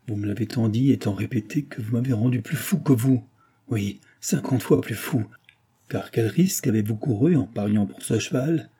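A man voicing a desperate, bitter brewery clerk who talks hoarsely and accuses in near-hysterical outbursts. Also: mid-range voice, fairly even intonation, moderate pace, dark tone. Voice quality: hoarse, breathless.

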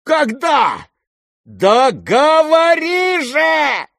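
Lizaveta Prokofyevna, a shrill stormy matron, as a man puts her on. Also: huge pitch swings, drawn-out words, gravelly, dry recording, studio quality, exaggerated voice. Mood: furious. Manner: shrill, shouting, imperious scolding. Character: irascible aristocratic older woman, stormy. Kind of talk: audiobook character voice.

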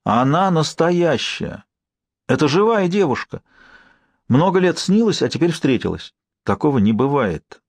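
A man voicing a stunned, gentle Greek wanderer. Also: on the high side, sing-song, dry recording, pitched above the performer's own voice, heavily acted. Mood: bewildered. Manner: halting, stunned murmur.

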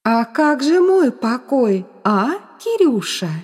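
A woman's voice: lively intonation, unhurried, a little mellow. Woman doing Sofia, a ghostly avenger. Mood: menacing. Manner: coaxing then menacing, high and drawn out. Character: young woman posing as a vengeful ghost.

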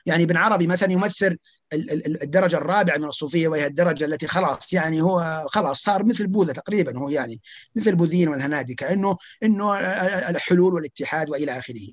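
A man, speaking as an academic guest on a podcast, arguing emphatically with rhetorical questions and stumbling restarts. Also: a little high. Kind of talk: podcast conversation.

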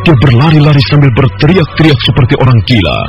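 A man's voice: mid-range voice, fast talker, over loud music. A man narrating an Indonesian radio drama serial in a dramatic, scripted storytelling style. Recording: dull radio recording.

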